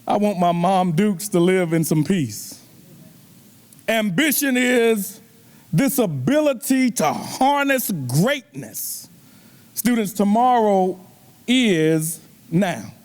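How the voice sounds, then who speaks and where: Middle-aged male motivational speaker with a very high voice and a slow, deliberate, sermon-like delivery at a banquet. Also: darkish tone. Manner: preacherly, repeatedly addresses the audience with rhetorical questions. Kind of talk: motivational keynote speech. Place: banquet event.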